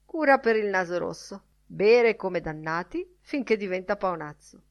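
A woman's voice: medium pitch, lively intonation, a little slow, highs cut off. A woman reading an audiobook, voicing a grave, authoritative bearded Dublin man who speaks firmly and matter-of-factly. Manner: firm, matter-of-fact.

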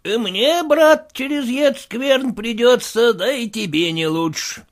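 Brief: a teasing, slightly wounded merchant, raised pitch, put on by a male reader. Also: takes it slowly, exaggerated voice. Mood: aggrieved. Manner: sly, teasing. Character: mocking, aggrieved male merchant acquaintance.

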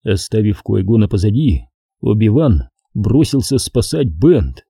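Husky, dark-voiced male narrator. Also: fairly low pitch, unhurried, dry recording, clean studio sound. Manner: steady, expressive storytelling. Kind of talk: audiobook narration.

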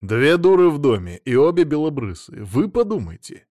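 A man reading a humorous story aloud in a wry, expressive way. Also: on the high side, moderate pace, no room sound, clean studio sound. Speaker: audiobook reader.

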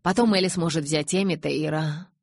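A woman reading an audiobook, voicing a calm, kind male vampire doctor in a soft, gentle tone. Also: low voice, fairly quick, creaky, no room sound, clean studio sound. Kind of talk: audiobook character voice.

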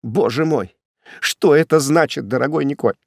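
A man voicing a terrified male prisoner, a fallen judge who begs for his life in a shrill, panicky voice. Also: normal speed, creaky, dry recording, clean studio sound. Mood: pleading. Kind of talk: audiobook character voice.

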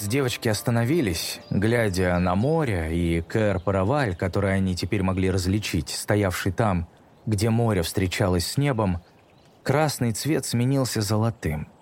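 A man narrating a children's story in a measured pace, slowing down for dramatic moments. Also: lowish voice, darkish tone. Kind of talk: audiobook narration. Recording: music bed under narration.

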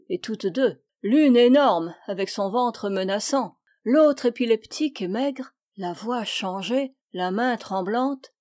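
A woman reads a classic tale aloud in a measured, expressive way. Her voice sits a little high. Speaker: reader. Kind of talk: literary reading aloud.

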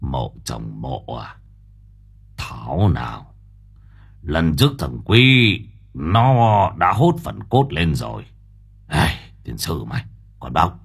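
A man voicing a hot-tempered exorcist in an audiobook, gruff and given to cursing. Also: very deep voice, sing-song, slow pace, long pauses, voice pushed down, exaggerated voice. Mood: muttering. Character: hot-tempered middle-aged male exorcist.

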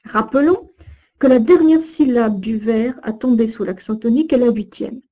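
A woman with a French accent giving a recorded lesson, with slow, careful, deliberate diction. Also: on the high side, mellow. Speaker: teacher of Old French.

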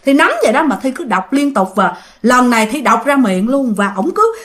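A Southern Vietnamese woman tells a ghost story as if chatting with friends, often turning to her listeners. Her voice sits high and leaps up and down with lively energy. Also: normal speed. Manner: animated, talks straight to listeners. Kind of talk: casual spoken storytelling.

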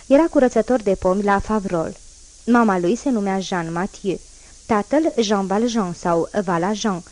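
A woman narrating a classic novel as an audiobook, in a measured, even reading voice. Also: medium pitch.

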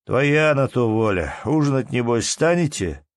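A man's voice: medium pitch, lively intonation, unhurried, no echo, studio quality, voice pushed up, lightly acted. A man voicing a lazy, sleepy peasant innkeeper who drawls as he haggles. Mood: drawling.

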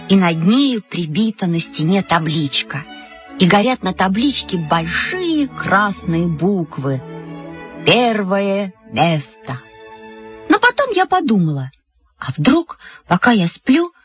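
A woman narrating a first-person children's story, animated and expressive. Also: a little high, slightly rough. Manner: animated, playing a girl narrator. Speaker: audiobook reader. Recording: dull lo-fi with music behind.

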